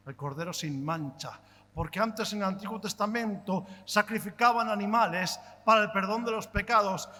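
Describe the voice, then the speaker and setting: Impassioned high-voiced preacher. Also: male voice. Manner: impassioned, rhetorical questions, swings between loud and hushed. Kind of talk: sermon. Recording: long hall reverb.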